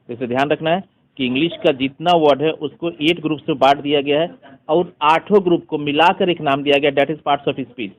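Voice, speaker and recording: A man teaching grammar in Hindi mixed with terms, asking the class questions and answering them himself. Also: a little high. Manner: mixes Hindi with English terms. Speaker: English teacher. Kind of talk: explanatory grammar lesson. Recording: dull lo-fi sound.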